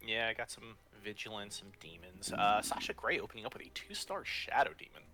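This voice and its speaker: A man's voice: fairly low pitch, expressive, brisk, a crowd in the background. A man co-casting a live esports match, analytical and explaining strategy in detail. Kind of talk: live game commentary.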